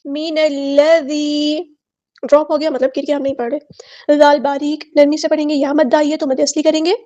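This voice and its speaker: A woman teaching tajweed, explaining letters slowly and repeating single sounds and words as models. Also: sits high, level tone, warm tone, lo-fi sound. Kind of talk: tajweed lesson, explaining word by word.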